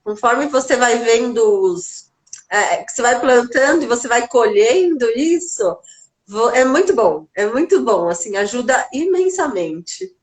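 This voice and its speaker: Woman, high voice, very lively pitch, animated storytelling, acts out dialogue, casual live chat. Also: measured pace. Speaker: mother.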